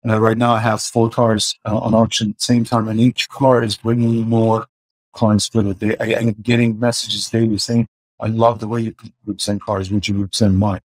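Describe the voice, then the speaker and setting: Speaking from indoors at home via webcam, this car filmmaker in his forties, whose accent blends Iranian and Swedish, answers interview questions haltingly and full of fillers. His voice is on the low side, level in tone and normal in speed, on low-quality audio with no room sound.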